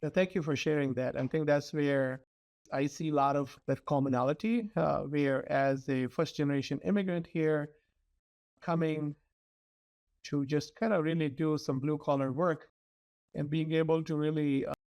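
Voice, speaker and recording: A man's voice: fairly high pitch, steady tone, moderate pace, darkish tone. A man who hosts a business podcast, asking loosely phrased questions and responding appreciatively, a first-generation immigrant himself. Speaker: podcast host. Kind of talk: conversational interview.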